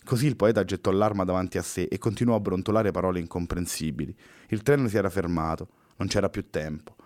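A man with a lowish voice narrating a story. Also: quick pace, a little mellow, no echo. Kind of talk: audiobook narration.

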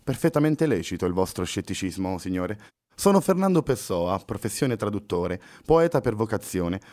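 A man voicing a calm, composed middle-aged poet who speaks politely and without fuss. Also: mid-range voice, normal speed, pitched above the performer's own voice, lightly acted.

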